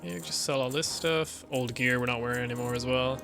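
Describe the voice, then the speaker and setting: Offhand male gamer over clear music. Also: medium pitch, fairly even intonation, fairly quick. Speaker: gamer giving a walkthrough. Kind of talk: casual gameplay commentary.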